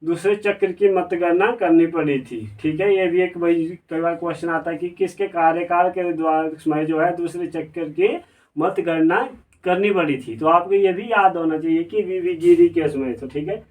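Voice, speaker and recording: A man's voice: fairly high pitch, normal speed, darkish tone, recorded from a distance. A man teaching an exam-prep lesson who repeats and rephrases himself, with frequent fillers.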